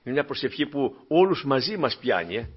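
A man preaching a sermon to his congregation with fervor, moving between quiet, low asides and loud, emphatic peaks. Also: big pitch swings, breathy edge. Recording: dull lo-fi recording.

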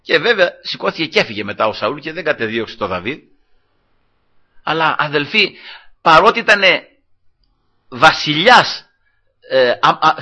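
Male preacher, high and sharp-toned, animated sermon storytelling. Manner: keeps addressing listeners as brothers, acts out quotes, animated. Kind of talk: sermon retelling a scripture story.

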